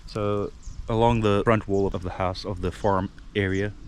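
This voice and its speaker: Low-voiced man rambling outdoors. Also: steady tone, normal speed, slight background noise. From South Africa. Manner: rambling, with many fillers and restarts. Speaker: vlogger. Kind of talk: casual outdoor vlog talk. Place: outdoors on a plot of farmland.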